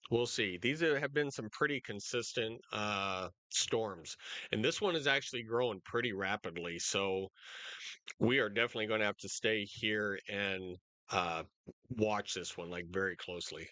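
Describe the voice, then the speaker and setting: A man hosting live storm coverage in a casual, unscripted, halting way, speaking directly to his viewers. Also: on the low side, pushed and bright, no echo. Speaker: storm-coverage livestream host.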